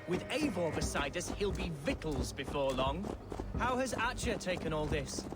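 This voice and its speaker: An earnest young medieval lord for a video game, loyal and excitable. The voice is high and very animated, with loud music behind it. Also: male voice, normal speed. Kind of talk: dramatic video game acting.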